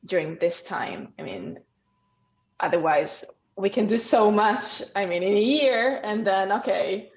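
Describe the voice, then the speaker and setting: A woman talking casually in a work meeting, halting and repeating her words as she goes. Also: mid-range voice, very animated. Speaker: software team member in a meeting. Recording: dull lo-fi call audio.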